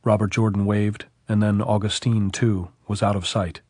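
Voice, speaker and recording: A man narrating an audiobook in a measured, even way. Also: on the low side, husky, no room sound, studio quality. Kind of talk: scripted narration.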